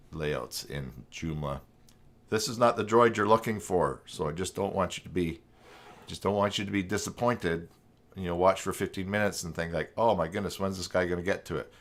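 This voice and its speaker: A man hosts a casual web design live stream, rambling and self-deprecating. His deep, somewhat bright voice is croaky from a recent illness, and he coughs now and then.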